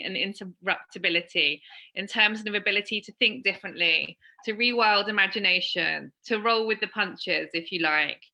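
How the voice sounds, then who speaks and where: Woman, crisp bright voice, scripted measured talk. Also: medium pitch, rough recording. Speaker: panel speaker. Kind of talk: read prepared talk.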